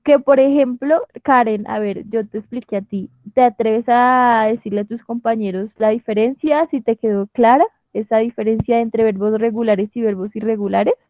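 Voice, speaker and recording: A woman's voice: on the high side, moderate pace, few pauses, no room sound, narrow, tinny audio. A woman teacher, patiently explaining step by step in an online class and often checking that students follow. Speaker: English teacher. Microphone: computer mic on video call.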